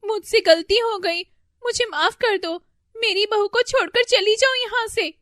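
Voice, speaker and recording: Woman voicing a shrill panicky mother-in-law. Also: moderate pace, dry recording, clean studio sound. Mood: panicked wailing. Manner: shrill, wailing and pleading. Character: older mother-in-law, fretful and easily panicked.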